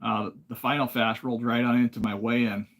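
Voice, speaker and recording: On his laid-back livestream, the host, a man from Alaska, rambles casually and reads comments from viewers aloud. He speaks briskly in a mid-range voice.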